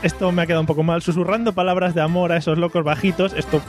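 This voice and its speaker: A man's voice: on the high side, fairly even intonation, very fast, faint music behind. A man hosting a casual podcast, introducing his guests with jokes and laughing at his own lines. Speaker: podcast host.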